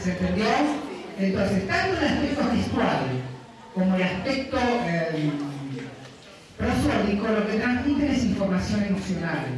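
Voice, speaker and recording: A man giving a university lecture, explaining step by step and often checking in with his students. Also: high-pitched. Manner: explanatory, keeps checking in with the class. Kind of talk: classroom lecture. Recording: very echoey room, distant mic.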